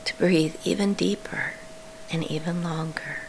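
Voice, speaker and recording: A woman leading a guided sleep meditation in a soft, soothing whisper, pausing between short phrases. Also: low-pitched, steady tone, gravelly, a little hiss or hum, poor audio.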